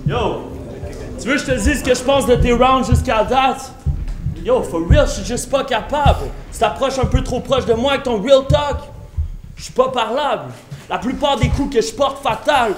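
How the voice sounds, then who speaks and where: A man's voice: very high voice, moderate pace, echoey room, soft background music. A man with a Québécois accent spitting taunting a cappella rap battle verses, throwing punchy insults mixed with English slang at an opponent in an indoor venue. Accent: Québécois French. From Quebec. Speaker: battle rapper.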